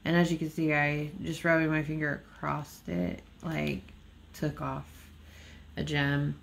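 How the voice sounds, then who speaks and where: Her low, creaky voice unhurried, a diamond painting vlogger chats at an indoor table while crafting, having just woken up. She rambles in a nasal tone with fillers and small laughs, over slight background noise.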